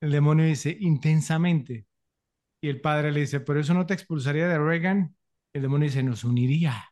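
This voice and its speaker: Chatty higher-voiced man on a film podcast. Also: normal speed, darkish tone. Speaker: podcast co-host. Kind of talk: casual film podcast chat.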